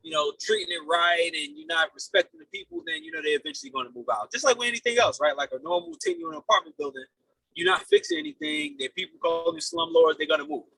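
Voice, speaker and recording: This podcast guest, a late-twenties real estate investor, rambles through earnest, casual interview answers, repeating himself as he talks. His fairly high voice swings widely in pitch and comes out fast, creaky, pushed, bright and slightly rough. The low-quality recording has no room sound.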